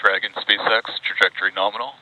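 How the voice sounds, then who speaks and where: A man calling out terse flight-control updates over a distant mission radio loop, in a clipped, flat procedural way. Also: fairly low pitch, fast. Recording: noisy radio loop with control-room chatter.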